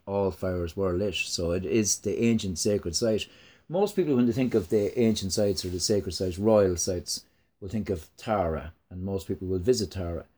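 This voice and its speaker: A man with an Irish Midlands accent, a lilting storyteller and tour guide explaining things in an interview with unhurried pauses. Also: sits low, darkish tone, slightly rough. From Ireland.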